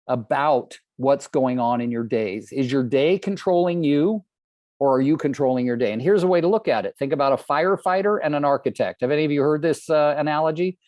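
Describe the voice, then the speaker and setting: Speaking in a fairly high, darkish voice, a man in his sixties from California earnestly motivates real estate agents in a training talk, emphatic throughout and frequently asking the audience questions. The audio is studio quality, without room sound.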